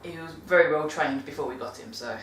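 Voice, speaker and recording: Talking fast in a deep, fairly bright voice, a British woman gives dog-care advice in her casual monthly vlog. She rambles and keeps correcting herself mid-sentence. The distant mic sounds roomy and picks up a little hiss or hum.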